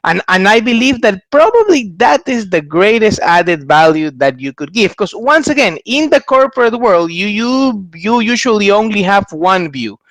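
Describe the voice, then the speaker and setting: A man's voice: high voice, big pitch swings, moderate pace, few pauses, a bit bright, dry recording. A man in his thirties from Ecuador giving an earnest testimonial over a headset mic in a small room, gesturing as he talks and often restarting his phrases. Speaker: MBA graduate giving a testimonial. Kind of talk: testimonial talk to camera. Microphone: headset mic on a video call.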